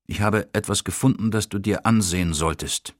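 A man's voice: fairly low pitch, moderate pace, no room sound, clean studio sound, close to an everyday voice. Man voicing a grim, desperate father. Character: desperate overweight middle-aged father, grim.

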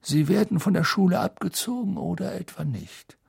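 A man reading an audiobook, voicing a calm, amused old male headmaster who speaks in measured tones. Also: high-pitched, gravelly, slightly rough, dry recording, studio quality, voice pushed up, heavily acted.

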